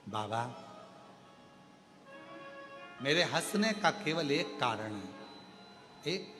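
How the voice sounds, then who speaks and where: A preacher voicing a demon king who humbly begs a god for grace, in a soft, lowered tone. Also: big pitch swings, extremely slow. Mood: pleading. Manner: soft, lowered, devotional pleading. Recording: reverberant hall with music behind.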